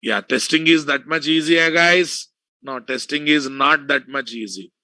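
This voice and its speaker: Male tech tutor, Telugu accent, bright cutting tone, dry sound, informal lecturing with repeated points and frequent check-ins. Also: on the high side, measured pace, no echo. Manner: repetitive, checking often for understanding. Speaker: software instructor teaching an online class.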